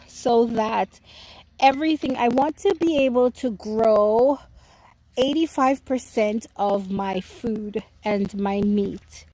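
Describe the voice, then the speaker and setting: A woman's voice: fairly high pitch, warm tone, rough recording. A woman giving a casual, chatty live tour of her home vegetable garden outdoors, explaining things to viewers as she goes and speaking into a phone.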